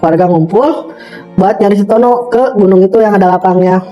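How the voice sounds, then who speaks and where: A man's voice: high voice, brisk, dull audio, soft background music. A young man telling a personal story in casual, rambling speech full of fillers, often calling the listener brother. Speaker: storyteller guest.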